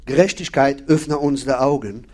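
A man preaches at a normal speed in a mid-range voice with a darkish tone. Emphatic throughout, he repeats key phrases and puts questions to his listeners.

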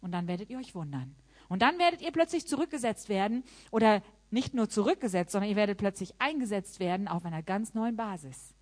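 A woman preaching a sermon in German with personal testimony, building to loud, impassioned exclamations. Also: medium pitch, lively intonation, brisk.

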